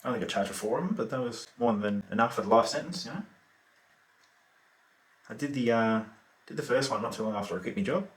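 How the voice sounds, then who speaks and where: A man's voice: on the low side, a bit bright, far from the mic, lightly acted. An Australian actor performing a monologue as a remorseless, lazy male killer, talking in an offhand, laconic way full of fillers. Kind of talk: theatrical monologue. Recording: roomy echo.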